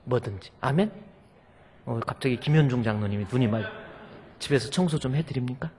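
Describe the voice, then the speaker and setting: A man's voice: mid-range voice, fairly quick, darkish tone. A male pastor preaching a sermon in a church, folksy and joking with the congregation. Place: church sanctuary. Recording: long hall reverb.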